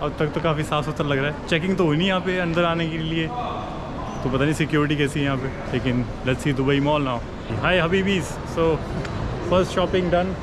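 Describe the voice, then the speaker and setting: Fast, higher-pitched North Indian man vlogging. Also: background noise. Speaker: travel vlogger. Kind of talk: casual vlog chat mixing English and Hindi. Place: walking through malls, cafes and outdoor promenades. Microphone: handheld camera at arm's length. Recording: loud music behind, busy public places.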